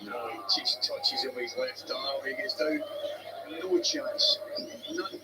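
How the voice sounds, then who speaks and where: A man giving measured, analytical live football commentary, heard through noisy broadcast audio. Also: mid-range voice, wildly swooping pitch.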